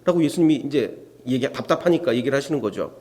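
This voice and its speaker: Animated male pastor in a reverberant hall. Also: medium pitch, quick pace. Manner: animated, asks the congregation rhetorical questions; acts out biblical dialogue in shifting voices. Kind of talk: expository sermon. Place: church sanctuary. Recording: long reverb from a church hall.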